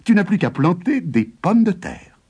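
A man's voice: high-pitched, big pitch swings, a little slow, dark tone, breathy edge, dull audio, pitched above the performer's own voice, exaggerated voice. A man voicing a clever, practical farmer's wife in a storybook. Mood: shrewd.

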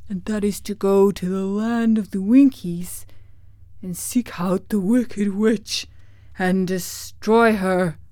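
A woman's voice: mid-range voice, steady tone, takes it slowly, dark tone, no room sound, studio quality, lightly acted. A woman voicing a big, cowardly male lion in a storybook, pleading earnestly with emphatic declarations. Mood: resolute, gloomy.

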